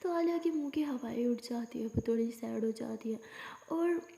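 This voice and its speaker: A woman narrating a romance story in a quiet, hushed way. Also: fairly high pitch, normal speed, gravelly. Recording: echoey room with long reverb.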